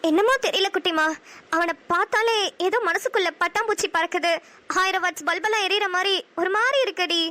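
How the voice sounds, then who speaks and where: A woman voicing a gentle, lovestruck young elder sister in a cartoon, soft and coaxing, with a Namakkal Tamil accent. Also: extremely high pitch, brisk. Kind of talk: cartoon voice acting.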